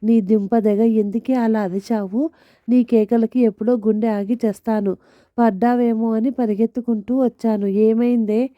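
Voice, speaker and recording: A woman's voice: a little high, steady tone, moderate pace, dry recording, natural voice. A woman voicing a grumpy, sarcastic middle-aged husband who scolds and teases his wife in a storybook tale. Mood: irritated. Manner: scolding, teasing. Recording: dull lo-fi dry recording.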